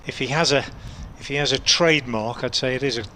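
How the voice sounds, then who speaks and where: A man working as a cricket commentator, calling play ball by ball in a measured way with pauses mid-sentence. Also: mid-range voice, pushed and bright. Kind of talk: live cricket commentary with unhurried ball-by-ball description. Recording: outdoor ambient noise behind voice.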